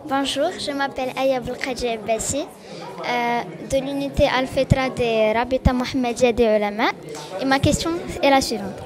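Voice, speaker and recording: Young-sounding high-voiced female interviewer in a crowd. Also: fairly even intonation, normal speed. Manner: formal, careful questions. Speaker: youth interviewer. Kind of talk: reading interview questions. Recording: crowd noise behind. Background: crowd chatter.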